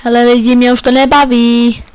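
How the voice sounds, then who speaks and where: A man's voice: very high-pitched, level tone, noisy background. A man giving playful, joking commentary while playing a video game. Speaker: let's play gamer.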